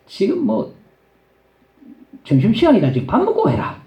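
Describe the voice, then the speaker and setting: Sly coaxing Satan, played by a male preacher, Gyeongsang accent, high, lively, wheedling, echoey church. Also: normal speed. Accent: Gyeongsang Korean.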